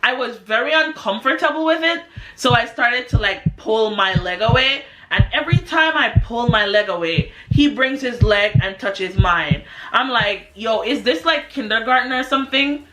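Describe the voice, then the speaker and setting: A young adult woman vlogger telling a story in an animated, casual way, peppered with "like". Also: on the high side, moderate pace, noisy background. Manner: animated, exclamatory storytelling with many "like"s. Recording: echoey room.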